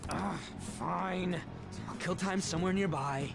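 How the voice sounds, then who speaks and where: A man's voice: high-pitched, measured pace, creaky, heavily acted. A man playing a brash teenage delinquent in a video game, blunt, slangy and whiny. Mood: grumbling. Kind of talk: video game dialogue acting. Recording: background music under dialogue.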